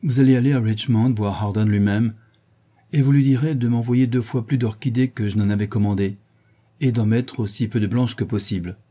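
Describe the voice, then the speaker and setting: A man voicing a cool, commanding young male dandy who gives orders briskly. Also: mid-range voice, steady tone, mellow, slightly rough, lightly acted. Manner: commanding, urgent.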